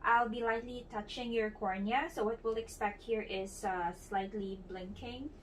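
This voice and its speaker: This student is a young woman demonstrating a clinical exam in an unhurried, fairly even voice that sits on the high side. She describes each step as she instructs the patient, with many fillers and restarts. The recording comes from a distant mic and carries faint background noise.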